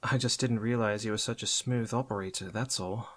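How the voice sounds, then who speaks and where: A man's voice: fairly low pitch, voice pushed up. A man voicing Batgirl, a bold young female crimefighter, in an audiobook reading, eager and teasing. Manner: quick, excited and teasing. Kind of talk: audiobook character voice.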